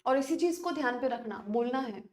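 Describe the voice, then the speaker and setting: A woman teaching an English class online, switching easily between Hindi and English. She talks in a chatty, coaxing way, her voice on the higher side. The room around her is echoey. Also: expressive, fairly quick, darkish tone.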